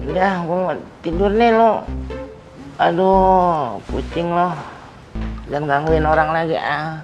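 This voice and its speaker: An actor playing a drowsy, grumbling man who rambles absurdly in a deadpan film comedy. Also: fairly high pitch. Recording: loud film music behind.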